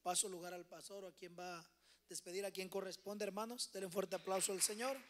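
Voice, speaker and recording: A man's voice: high-pitched, fairly even intonation, brisk, noisy background. A man leading a church Bible study, exhorting the congregation and repeatedly addressing them as brothers. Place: church hall.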